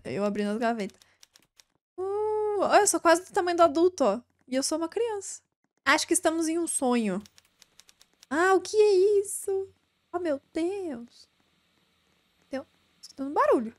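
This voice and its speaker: A young woman with a high voice talks through a spooky game, jumpy and nervous, breaking into squeals and laughter when something startles her. Faint rain and thunder sound behind her voice. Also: animated, moderate pace, long pauses, a little mellow. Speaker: gaming streamer. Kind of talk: casual let's-play commentary.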